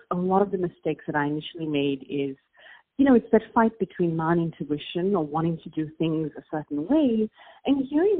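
Her voice is fairly low and husky. She's a business founder from South Africa, speaking with a South African accent as she answers interview questions in an earnest, reflective manner full of fillers and restarts, all through a tinny phone line.

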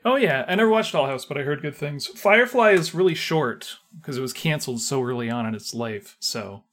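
A man's voice: a little high, expressive, fairly quick, a bit bright. A man co-hosting a casual podcast, wry and easygoing, laughing along with his partner. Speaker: podcast co-host.

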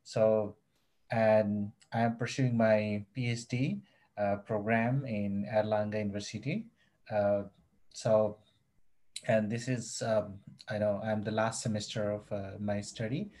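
A man from Nepal in his thirties, a doctoral student guesting on a podcast over a video call, talking haltingly with many fillers while he searches for words. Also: on the low side, steady tone, darkish tone. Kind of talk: casual podcast interview.

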